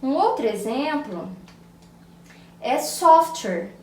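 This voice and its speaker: A woman's voice: high voice, lively intonation, drawn-out words, darkish tone, distant mic, slight background noise. Brazilian woman teaching English, echoey room. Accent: Brazilian Portuguese. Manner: explains patiently, reads word pairs aloud. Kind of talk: recorded online lesson.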